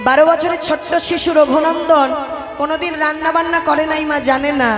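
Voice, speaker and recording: A woman's voice: sits high, steady tone, fairly quick. A woman performing devotional kirtan storytelling, speaking directly to her listeners as mother and father. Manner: addresses the audience warmly as mother and father. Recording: echoey hall with music. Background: instrumental music.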